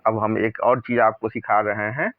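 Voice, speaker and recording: Low-voiced man teaching over a tinny line. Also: level tone, dry recording. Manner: slow, deliberate reading of example sentences, then plain Hindi explanation. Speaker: Sanskrit teacher. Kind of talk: spoken grammar lesson. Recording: dry, narrow phone-like sound.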